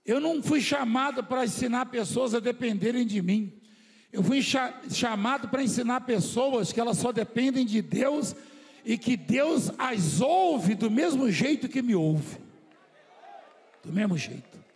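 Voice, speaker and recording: A man from Brazil preaches to his congregation in a high, slightly husky voice. He lingers on key words and drops to near-whispers for his asides. The sound rings out with a long hall echo. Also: expressive. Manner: slow emphatic preaching, swinging from loud declarations to soft asides; acts out the voices of people in his stories. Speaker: apostle preaching to his church. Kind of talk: sermon.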